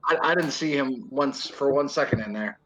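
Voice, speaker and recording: A man's voice: mid-range voice, normal speed, a bit bright, faint music behind, low-quality recording. A man playing in a tabletop game, chatting casually with lots of slang. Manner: casual, slangy, says "bro". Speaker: player. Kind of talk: casual chat.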